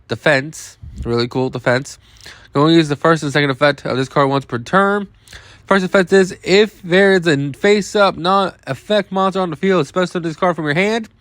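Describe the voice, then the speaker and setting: A man's voice: on the high side, fairly bright tone, dry recording. A young man casually reviewing game cards, thinking aloud with frequent restarts and the odd swear word. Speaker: card game video host. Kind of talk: casual card review commentary.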